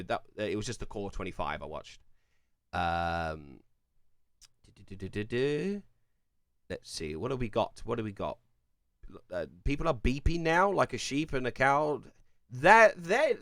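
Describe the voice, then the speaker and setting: Young English streamer from Kent, casual and rambling, lively pitch, dry close recording. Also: male voice, dry recording. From England. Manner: rambling, chatty, lots of fillers and restarts. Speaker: streamer answering chat. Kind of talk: casual live-stream chat.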